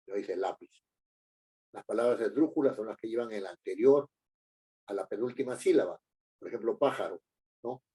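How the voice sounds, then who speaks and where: A man lectures at an unhurried, hesitant pace, often stopping on fillers and checking in with tag questions. His voice is dark and a little husky. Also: mid-range voice. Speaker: teacher.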